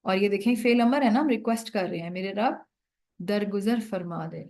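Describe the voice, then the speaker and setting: A woman lecturing on Arabic grammar step by step, often checking that listeners follow and slowing down to translate prayers word by word. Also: mid-range voice, a little mellow. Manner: slows down to read Quranic prayers and translate them word by word. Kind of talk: classroom lecture.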